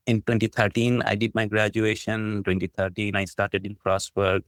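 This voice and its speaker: The voice is low-pitched and a bit bright, with no echo. It belongs to a middle-aged man from Bangladesh with a Bangladeshi accent, a business school dean guesting on a podcast, who tells his story earnestly and appreciatively in a chatty way, frequently using "like, you know."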